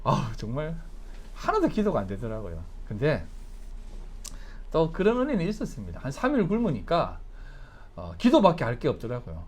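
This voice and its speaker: A male pastor delivers a sermon with a restless, sweeping pitch that climbs high when he exhorts and drops low and soft when he tells a story. His voice sits a little high for a man. Now and then he slips into the voices of family members, with a laugh in his tone. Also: normal speed, long pauses. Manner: animated preaching, swinging from soft storytelling to loud exhortation.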